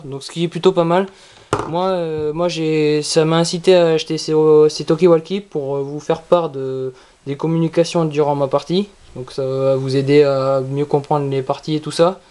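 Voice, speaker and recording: A product reviewer talking casually through an unboxing in a halting, repetitive way. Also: mid-range voice, darkish tone. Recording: clearly noisy with handling clicks.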